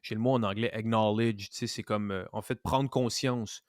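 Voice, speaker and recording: A man hosting a faith podcast, talking in a relaxed, reflective way with many casual fillers. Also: on the low side, moderate pace, no room sound, studio quality. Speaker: podcast host. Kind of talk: casual interview chat.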